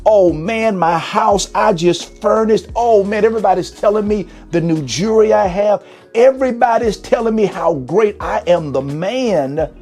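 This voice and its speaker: A man's voice: high-pitched, moderate pace, faint music behind, voice pushed up, lightly acted. A man putting on a boastful big spender. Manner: boastful, excited exclamations. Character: man showing off purchases he charged on credit.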